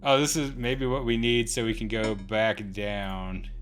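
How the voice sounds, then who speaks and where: A man's voice: lowish voice, little pitch movement, a little slow, fairly bright tone. A man hosting a video game playthrough with casual, conversational commentary. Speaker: gaming host. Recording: game music behind the voice.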